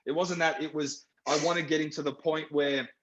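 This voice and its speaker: A man's voice: a little high, fairly even intonation, fairly quick, background noise. A man, a film director, talking through his work on a panel, reflective and given to repeating phrases. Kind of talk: panel discussion over video call. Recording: roomy, muffled sound.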